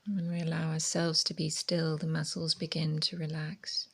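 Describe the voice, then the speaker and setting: A woman teaches meditation with a low-pitched voice at normal speed. Her manner is gentle, calming and soft-spoken, and her phrases frequently trail into breathy near-whispers.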